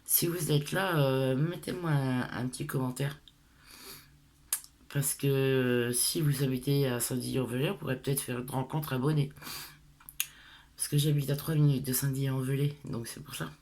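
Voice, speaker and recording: A middle-aged French woman who makes craft tutorial vlogs chats casually to her followers in a hesitant, rambling, self-deprecating way. She speaks at normal speed in a bass voice, steady and slightly mellow, with a lisp on her s sounds.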